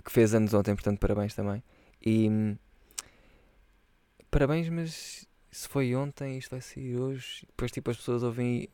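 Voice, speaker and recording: A man's voice: mid-range voice, mellow, clean tone, no echo. A young man chatting casually on a solo podcast, rambling in loose slang and swearing freely. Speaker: podcast host.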